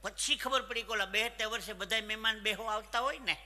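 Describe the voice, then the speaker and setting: Male folk comedian, high bright voice, live stage show with long hall reverb, animated punchlines. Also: fairly quick. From Saurashtra, Gujarat. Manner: animated joke-telling, punchlines. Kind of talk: live stand-up storytelling.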